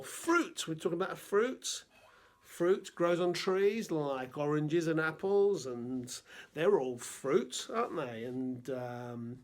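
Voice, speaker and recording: A man presenting a gentle lesson for under-fives, unhurried and halting with little fillers. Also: fairly high pitch. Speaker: children's presenter.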